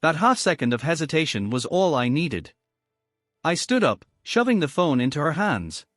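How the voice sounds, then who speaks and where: A man's voice: fairly high pitch, very animated, normal speed, a bit bright, no room sound, clean studio sound, soft background music. A man telling a bitter first-person story in a tense, emphatic narration.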